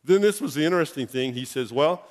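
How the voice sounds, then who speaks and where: A middle-aged male pastor telling a funny personal story in an animated, anecdotal way, chuckling as he goes. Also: medium pitch, quick pace. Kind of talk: storytelling sermon. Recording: long reverb in a hall.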